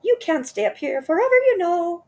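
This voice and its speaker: A woman's voice: very high voice, big pitch swings, a little fast, mellow, voice pushed up. A woman voicing a chirpy, friendly bird.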